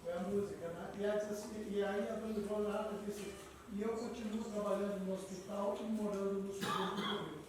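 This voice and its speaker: Male audience member, high voice, conversational anecdote, distant mic, noisy reverberant hall. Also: steady tone, brisk. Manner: conversational storytelling, brief restarts. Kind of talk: adding a remark from the floor. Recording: echoey hall, distant mic, background noise.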